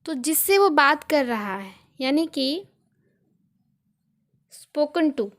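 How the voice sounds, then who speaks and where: In this online English lesson, a young Indian-accented teacher explains grammar in a high, sing-song voice. She takes her time, patiently rephrasing every point and drawing on everyday examples.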